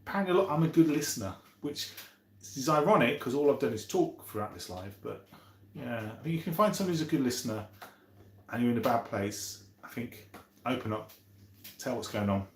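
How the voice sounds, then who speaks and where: Brisk and animated, a mid-range male voice carries a casual live stream hosted by a man in his fifties who rambles good-naturedly and thinks aloud while reading and answering viewer comments. There's slight background noise and a roomy echo.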